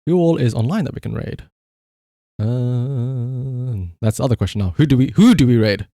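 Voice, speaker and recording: A man streaming live chats casually and rambles to his viewers, cursing freely in a playfully exasperated way. His voice sits at a medium pitch with a warm tone, and he talks at a moderate pace. The recording is studio quality with no echo.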